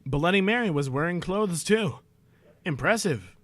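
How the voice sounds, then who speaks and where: A man's voice: sits high, animated, measured pace, fairly bright tone, dry recording. A young man streaming a comedic reading of fan fiction, breaking off into sarcastic, exasperated, profane asides.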